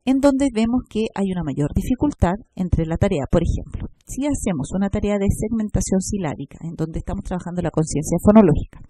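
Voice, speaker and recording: A woman giving a recorded lecture over slides, often checking in with a quick tag question. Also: mid-range voice, expressive, dark tone, slightly rough, dry recording. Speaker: teacher.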